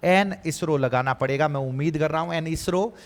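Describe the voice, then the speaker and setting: A man's voice: on the high side, normal speed, in a large hall. A male teacher giving an exam-prep grammar lesson, emphatic and repeating key words. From Rajasthan.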